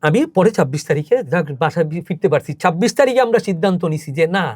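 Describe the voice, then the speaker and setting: A man with a fairly high, expressive, slightly mellow voice speaks at a racing pace as a podcast guest and cultural organizer. His impassioned interview talk is full of emotional, emphatic stories that build in intensity. The audio is studio quality with no echo.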